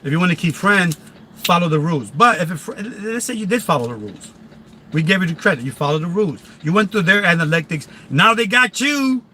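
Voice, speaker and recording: A man from Philadelphia, USA, talks casually and emphatically on a live stream, with a Philadelphia accent. He repeats himself and keeps restarting sentences. His high-pitched voice sounds pushed and bright over slight background noise.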